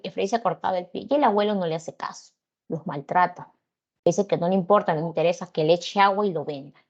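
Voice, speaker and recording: A woman's voice: fairly low pitch, darkish tone. A woman teacher with a Peruvian accent, retelling a story in class in a conversational way, often checking in with her listeners. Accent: Peruvian Spanish. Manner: conversational, frequent tag questions. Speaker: literature teacher. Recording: dull lo-fi class recording.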